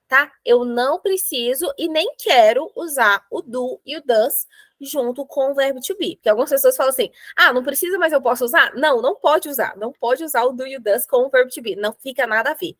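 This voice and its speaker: A woman teaching a grammar lesson. She explains patiently and step by step, and slows right down to spell out each example sentence. Her voice sits a little high and sounds close and dry, with no room around it. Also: fairly bright tone, no echo, low-quality recording. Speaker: English teacher.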